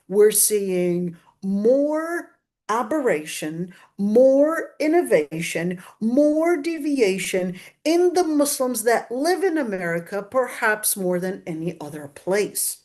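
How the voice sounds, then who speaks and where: A female voice on the high side, teaching a religious class. She lectures in an emphatic, didactic way and comes back to key phrases, restating them for weight. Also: warm tone. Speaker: religious teacher giving a Quran exegesis class.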